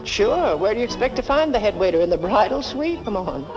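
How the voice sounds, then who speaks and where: An American actress in a 1930s film comedy playing a worldly, wisecracking friend with a wry, sardonic manner. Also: female voice, medium pitch, big pitch swings, brisk, lo-fi sound, close to an everyday voice. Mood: brisk, confident. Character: wisecracking, worldly, tough-hearted female rooming-house friend. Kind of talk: 1930s Hollywood comedy acting. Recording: old 1930s film soundtrack, music behind.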